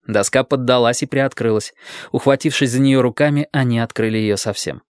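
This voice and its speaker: A man narrating an audiobook in a steady, even storytelling manner, close to the microphone. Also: mid-range voice, a little fast, clean tone, no echo. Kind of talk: scripted narration.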